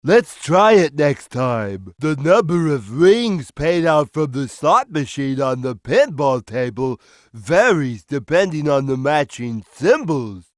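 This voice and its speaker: Slow, big, gentle cartoon cat. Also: male voice, fairly high pitch, sing-song, dry recording, studio quality. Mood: earnest, helpful. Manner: slow, simple, earnest, drawn-out delivery. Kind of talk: video game character voice lines.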